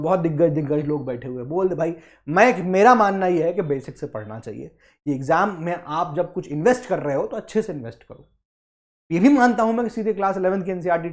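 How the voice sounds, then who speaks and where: A young man teaching an exam prep lesson, talking emphatically and coaxing students, and slowing down to read English quotes aloud. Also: high-pitched, a little mellow. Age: young adult. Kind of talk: Hindi-English lecture.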